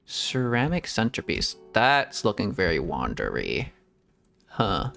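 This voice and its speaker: A male VTuber giggles often as he rambles to himself in casual commentary over a game stream. His voice is medium-pitched and a bit bright, with vocal fry.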